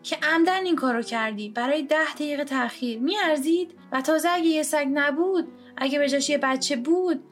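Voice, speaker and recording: Woman reading as a calm, probing young van driver. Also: sits high, soft background music, close to an everyday voice. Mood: insistent. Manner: quiet, probing, persistent questioning.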